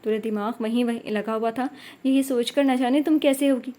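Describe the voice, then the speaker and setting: A tender older mother figure from an audio novel, soothing and affectionate , as a woman narrator voices her. The voice sits a little high and mellow. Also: fairly even intonation, lightly acted.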